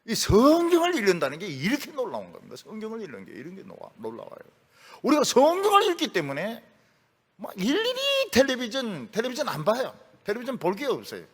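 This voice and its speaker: Male pastor, high husky voice, folksy sermon in a reverberant church hall. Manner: animated, folksy, humorous storytelling.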